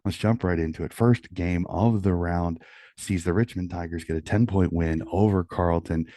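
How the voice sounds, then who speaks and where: A middle-aged man with a deep voice hosts a sports round-up, keeping it quiet as if others are asleep at night. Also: steady tone, normal speed, no room sound, studio quality. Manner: hushed, quieter than normal late-night-radio delivery so as not to wake someone. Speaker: sports podcast host. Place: small room at home. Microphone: close studio mic with pop filter.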